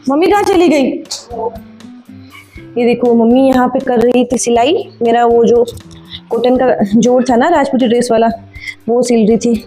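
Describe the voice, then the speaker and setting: A young woman from Rajasthan talks through her day in a high, light voice, rambling to viewers in a relaxed, chatty way. Her colours every line, and she is speaking into a phone camera at home. Faint music sits quietly behind her. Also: moderate pace, poor audio. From Rajasthan, India. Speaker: vlogger and mother. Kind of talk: casual daily-life vlog narration. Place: at home, indoors.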